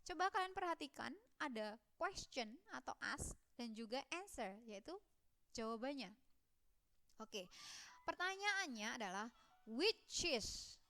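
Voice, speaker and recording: A woman teaching an English lesson, playfully voicing her students' questions herself and drilling words slowly for them to repeat. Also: on the high side, sharp tone. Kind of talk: classroom lesson.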